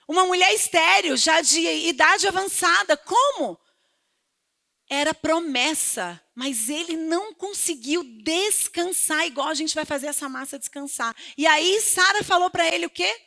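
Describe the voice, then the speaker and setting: A middle-aged Brazilian woman pastor giving an animated sermon, swinging between loud emphasis and hushed asides. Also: high-pitched. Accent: Brazilian Portuguese. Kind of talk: lively sermon with storytelling.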